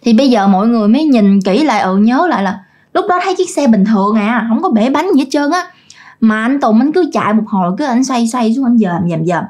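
A woman's voice: on the high side, animated, fairly quick, a little mellow. A woman, narrating a ghost story in a chatty, colloquial way, addressing listeners.

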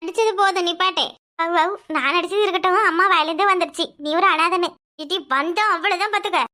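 Woman voicing a cartoon mother, scolding, Tirunelveli Tamil accent, very high voice, fast talk. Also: sharp tone. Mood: berating. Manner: scolding, shrill and rapid. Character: scolding harried village mother. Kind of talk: cartoon voice acting.

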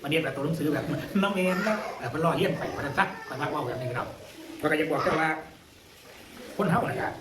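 A man's voice: on the high side, fast, recorded from a distance. A man with an Isan Thai accent who hosts a channel, chatting casually and laughing as he reads viewer comments aloud. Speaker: channel host reading comments. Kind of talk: casual chat. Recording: echoey room with loud background noise.

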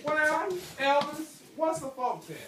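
Reading aloud to pupils at a measured pace, a man in his thirties speaks in a very high, sing-song voice, regularly checking comprehension with a tagged "okay." He questions the class as he reads in their indoor school classroom. The phone recording, made from across the room, sounds echoey, noisy and far away.

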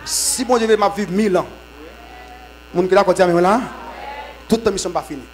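A man preaches a sermon. His voice sits high for a man. He swings from shouted, fervent bursts to lower, quieter teaching. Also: normal speed, low-quality recording. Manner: shouts in fervent bursts with repeated amens, drops low when teaching. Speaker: apostle preaching at a conference.

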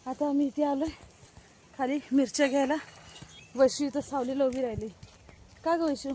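A woman's voice: high voice, steady tone, normal speed, mellow, a little hiss or hum. A woman, chatting casually as she shows her family and rural home in a vlog. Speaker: vlogger. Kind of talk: casual village vlog narration.

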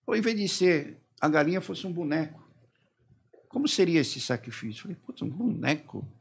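A middle-aged man from Brazil, a podcast guest, telling his story haltingly and quoting the people who questioned him. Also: a little high, very animated, gravelly, slightly rough. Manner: halting retelling, quoting his interrogators and himself. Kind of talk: personal testimony in a podcast interview.

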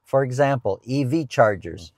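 A man's voice: mid-range voice, lively intonation, normal speed, creaky, darkish tone, dry recording, clean studio sound. A middle-aged man, a real estate agent, answering viewer questions in casual chat from a parked car, explaining with frequent restarts and repeated words. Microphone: lapel mic.

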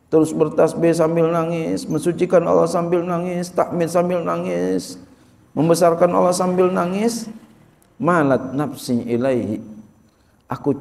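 Male teacher in a reverberant hall. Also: fairly high pitch. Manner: translates phrase by phrase, repeats key words, frequent soft exclamations. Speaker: Islamic teacher. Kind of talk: reading and explaining an Arabic religious text.

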